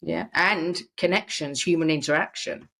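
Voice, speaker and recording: A woman's voice: low-pitched, normal speed, creaky, fairly bright tone. A young adult woman co-hosting a casual podcast chat, earnest and reflective, with frequent "you know" fillers. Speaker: podcast co-host.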